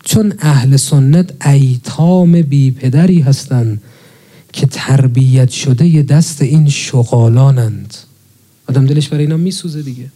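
A man preaching a sermon, telling a story in a lively way and acting out the people in it. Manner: animated, acts out the quoted speakers in the story; drops to a low, hushed voice near the end.

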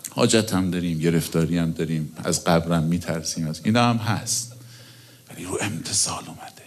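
A middle-aged male cleric preaching a sermon, emotive and often dropping to a hushed whisper. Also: low voice.

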